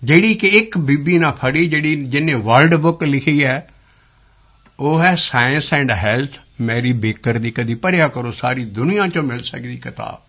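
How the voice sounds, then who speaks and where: Man, sermon, bright tone, gravelly edge, explains and sings hymn lines. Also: medium pitch, expressive, measured pace, dull audio. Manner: explains hymn lines, sometimes breaks into singing. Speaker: Sikh preacher. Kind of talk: sermon with sung scripture.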